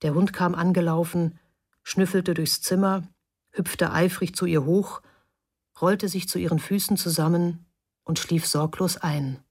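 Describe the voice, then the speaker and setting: A woman narrates a novel aloud in a calm, inward way. Her voice is husky and sits a little low. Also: a little slow. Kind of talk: audiobook narration.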